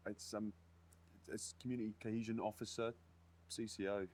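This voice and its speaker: Actor as low-voiced, awkward policeman. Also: little pitch movement, a little mellow, natural voice. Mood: nervous. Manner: halting, meek, polite. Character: awkward, mild male community policeman. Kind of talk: hesitant TV interview answers.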